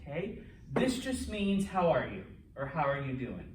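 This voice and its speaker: In a relaxed classroom lecture, a male language instructor jokes and checks in with his students often. His voice is a little high and moves at a normal speed. The recording is distant and echoey, as in a classroom, with faint noise.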